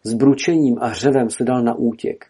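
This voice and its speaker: A man reading a storybook aloud as narrator, telling it dramatically in a husky voice. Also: mid-range voice, fairly even intonation, dark tone.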